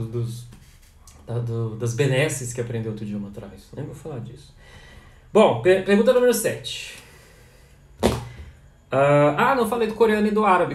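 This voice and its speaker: Animated Brazilian man teaching languages. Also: reverberant. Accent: Brazilian Portuguese. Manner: animated, pitch leaps up and down, demonstrates foreign phrases. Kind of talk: live-streamed language Q&A.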